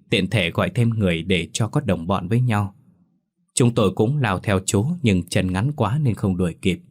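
A man narrating a ghost story in the first person, telling it in a steady, measured way. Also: on the low side.

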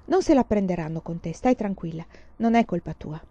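A woman's voice: lowish voice, lively intonation, fairly quick, dark tone, no echo. A woman voicing a fierce, defiant teenage girl who speaks with heat. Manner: defiant and heated. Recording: dull, dry lo-fi recording.

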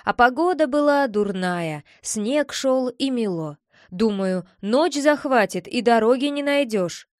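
A woman reads children's stories aloud in a measured, plain way. Her voice sits a little high, and the recording is dry and close with no room sound. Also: lively intonation, no room sound. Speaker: reader.

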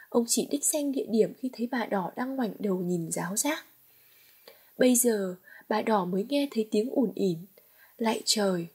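Husky, breathy woman narrating. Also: fairly high pitch, a little mellow. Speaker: audiobook narrator. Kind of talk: scripted audiobook narration.

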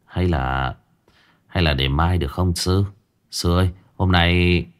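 A man's voice: deep voice, very animated, normal speed, voice pushed down. A man voicing a hesitant young man muttering to himself.

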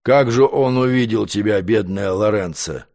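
A man reading an audiobook, voicing an arrogant male magician count who speaks calmly and curtly. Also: medium pitch, a little slow, natural voice. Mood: cool scornful. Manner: calm, curt, condescending. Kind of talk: audiobook character voice.

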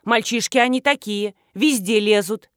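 A woman's voice: mid-range voice, normal speed, no room sound, studio quality, close to an everyday voice. A woman reading the part of an irritable middle-aged nurse and mother who scolds sharply. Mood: angry.

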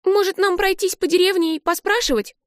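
A woman voicing an excitable, lively little girl who talks in an eager, high, bright way. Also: fairly quick, dry recording, studio quality. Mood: pleading.

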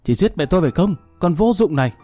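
A man's voice: mid-range voice, quick pace, darkish tone, soft background music, close to an everyday voice. A man reading the part of a worried young man who blurts out anxious questions, in a spoken story. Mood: furious.

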